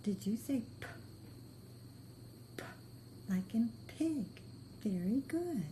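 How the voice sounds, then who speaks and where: In a slow-paced beginner phonics lesson, a reading teacher offers brief, patient directions and praises repeatedly. Her tone is very mellow and dark, her pitch a little high and expressive, and the recording carries some faint noise.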